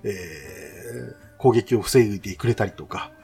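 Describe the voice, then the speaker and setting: Male game-talk host: chatty, polite, casual, very animated delivery over soft background music. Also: fairly low pitch, measured pace, gravelly. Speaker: host talking about mobile games.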